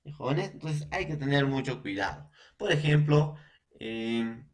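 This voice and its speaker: A man's voice: mid-range voice, lively intonation, unhurried. A male secondary school teacher with a Peruvian Spanish accent, giving a spoken grammar lesson. He repeats points often and keeps checking in with the class. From Peru. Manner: repetitive, checks with frequent "¿no?" and fillers.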